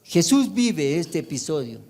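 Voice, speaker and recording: Man, Ecuadorian Spanish accent, pastor, sermon, call-and-response with congregation, higher-pitched voice. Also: sing-song, unhurried, a little mellow. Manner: preaching with rising intensity, calls and responses with the congregation. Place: church sanctuary.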